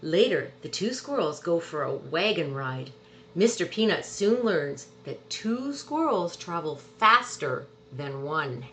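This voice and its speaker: Her voice sits low as she animatedly reads a children's storybook aloud, pulling words long for emphasis. A little hiss or hum is audible.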